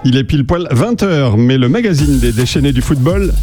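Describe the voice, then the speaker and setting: A man's voice: medium pitch, animated, brisk, dark tone. A man presenting a sports radio show in casual, chatty style.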